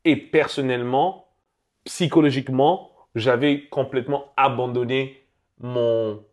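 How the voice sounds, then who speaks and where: A young man from Congo, talking in a relaxed, reflective way about his life and laughing easily. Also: medium pitch, unhurried. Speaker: guest. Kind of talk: casual conversation.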